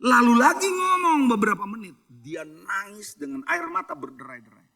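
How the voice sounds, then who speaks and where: A man's voice: very high-pitched, sing-song, normal speed, gravelly, bright, forceful tone. A middle-aged male pastor preaching a sermon. He tells stories, asks the congregation questions and mixes English phrases into his preaching. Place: church hall.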